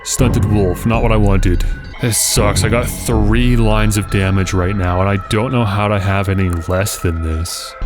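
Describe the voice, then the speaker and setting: A man's voice: on the low side, steady tone, measured pace, music in the background. A man hosting a gaming video, thinking aloud in casual, reactive commentary.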